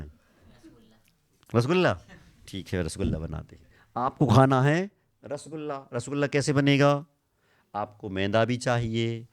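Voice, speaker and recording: A man leads a scripture class, mid-pitched and recorded dry and close. He repeats each list slowly, quizzes his listeners and gets them to recite with him. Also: darkish tone, no echo. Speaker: Jain monk teaching scripture.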